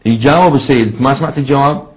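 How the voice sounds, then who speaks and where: Brisk Iraqi man hosting a call-in. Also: medium pitch. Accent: Iraqi Arabic. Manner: brisk, clipped acknowledgements. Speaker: radio call-in host. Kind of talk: call-in religious question show. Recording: dull muffled broadcast sound.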